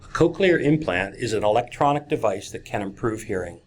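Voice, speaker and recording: A man's voice: on the low side, expressive, a little fast. A man giving scripted instructional narration for teachers, speaking directly to them as folks. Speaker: presenter of a teacher training video.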